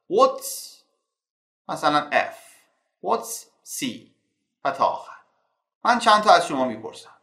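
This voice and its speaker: Guy teaching english, reads phrases slow and clear, bright voice, echoey room. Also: a little high. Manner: reads English phrases slowly and clearly, then explains them. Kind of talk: language lesson explaining vocabulary and word stress.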